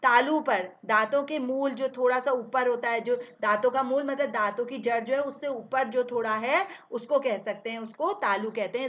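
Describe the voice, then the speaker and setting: A woman teacher explaining a lesson step by step, asking questions and answering them herself, and drawing out each letter slowly as she sounds it. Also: fairly high pitch, a bit bright. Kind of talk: classroom grammar lesson. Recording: dull, lo-fi recording.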